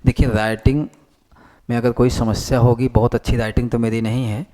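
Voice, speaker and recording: A man teaching English basics in a classroom lecture, repeating each point back as a question and slowly dictating definitions as he writes them on the board. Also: medium pitch, little pitch movement, mellow.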